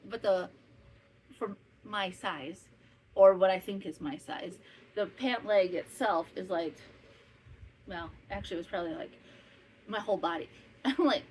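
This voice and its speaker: Mid-range and darkish, this Wisconsin host's voice moves a little slowly with long pauses as she rambles through a casual home podcast full of asides and self-corrections. She's in her fifties, from the northwestern part of the state, and a fan hums faintly in the summer heat on a rough recording.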